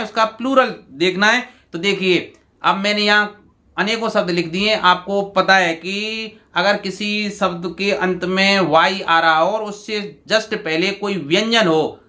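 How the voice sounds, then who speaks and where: Bright, high-voiced male teacher, slow. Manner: repeats each word slowly, calling listeners "bhai". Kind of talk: exam answer walkthrough lesson.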